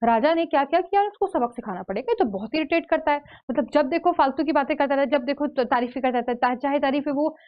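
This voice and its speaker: An Indian woman teaching English in an online exam-prep lecture. She explains slowly and keeps checking in with her students. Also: high-pitched, lively intonation, muffled recording. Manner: explains slowly, checks in with "theek hai?" after each point.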